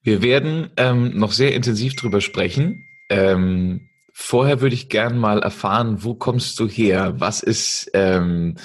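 A man's voice: fairly low pitch, slightly rough. A man hosting a podcast interview, upbeat, with frequent filler sounds. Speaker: podcast host.

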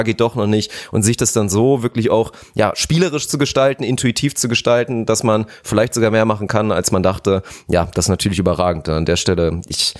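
Quick, casual man on a podcast. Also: fairly low pitch. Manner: chatty, reflective, casual slang. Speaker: podcast co-host.

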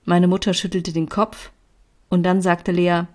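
A woman reading her own story aloud in an even, clear storytelling manner. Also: on the low side, unhurried. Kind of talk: scripted narration.

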